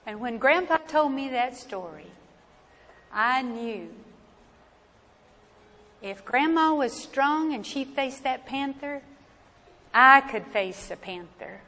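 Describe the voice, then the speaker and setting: A woman with an Appalachian accent telling a family story aloud in a folksy, dramatic, deliberate way. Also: sits high, lively intonation, pushed and bright. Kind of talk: oral family storytelling, live performance. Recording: echoey hall with noticeable background noise.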